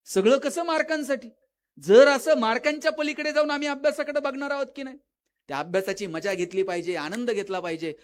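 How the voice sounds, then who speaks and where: A man giving a lively motivational lecture at a school event, telling funny stories and acting out the characters' lines. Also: high-pitched. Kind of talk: public lecture with storytelling.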